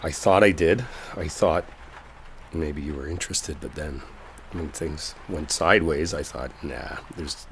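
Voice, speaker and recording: A man with a very deep voice plays a lovestruck, earnest coworker in a one-sided, intimate dramatic roleplay audio, haltingly and colloquially confessing to clear up a misunderstanding. The mood is tender and regretful, with rainstorm ambience and slight background noise.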